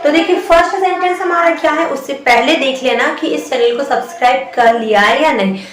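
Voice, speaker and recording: A woman teaching a spoken English lesson, addressing viewers affectionately as children and repeating each phrase very slowly. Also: high-pitched. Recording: echoey room, heard from a distance.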